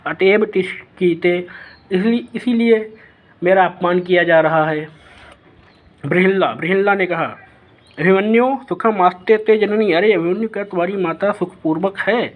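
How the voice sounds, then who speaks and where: Male teacher, high tenor voice, reads a classical text aloud and then paraphrases it line by line. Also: a little slow, phone-quality sound. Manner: raises his voice when reading the lines of characters. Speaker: Sanskrit teacher. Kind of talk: explaining a Sanskrit text line by line in Hindi.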